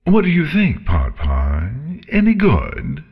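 A man's voice: on the high side, huge pitch swings, slow, creaky, slightly rough, phone-quality sound, voice pushed up, full character voice. A man voicing a grumpy, haughty female dragon who makes mock threats in a storybook reading. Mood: mock-threatening.

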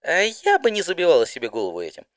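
A man's voice: fairly high pitch, wildly swooping pitch, fast talker, a bit bright, smooth, no echo, studio quality, voice pushed up. A man voicing a confident veteran flier mare with a laid-back, teasing manner. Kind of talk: fan audiobook voice acting.

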